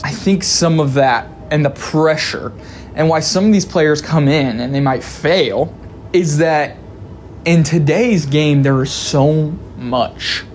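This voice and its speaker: A man's voice: on the high side, darkish tone, a little hiss or hum. Candid, profane male video commentator. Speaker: video reviewer. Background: faint background music.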